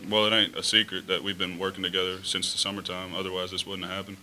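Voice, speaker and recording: A young man, a college quarterback, answering at a post-game press conference in a relaxed, easy way at a table mic. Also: sits low, fast talker. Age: young adult. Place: press room in front of a team backdrop. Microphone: table mic on a stand.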